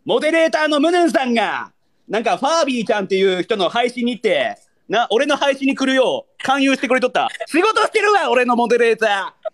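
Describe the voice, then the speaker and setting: A man's voice: very high voice, very animated, brisk, a bit bright. A young man with a Kansai accent, a livestreamer bantering in mock anger and pleading with viewers for gifts. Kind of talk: live-stream battle banter.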